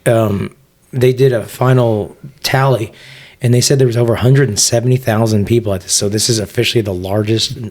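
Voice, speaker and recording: A man, a podcast co-host in casual chat, telling animated stories and swearing freely. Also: fairly low pitch, brisk.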